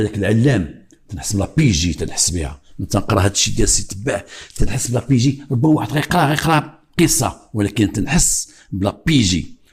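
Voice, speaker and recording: Fast-talking older Moroccan man storyteller. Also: mid-range voice, creaky, darkish tone. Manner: dramatic, mimics heartbeats and pauses. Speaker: retired police investigator. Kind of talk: storytelling true crime.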